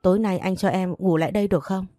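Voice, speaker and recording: A woman voicing a spoiled, sharp-tongued young sister-in-law in an audio story, mocking and boastful. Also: on the low side, fast talker, no room sound, clean studio sound, natural voice. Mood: whiny.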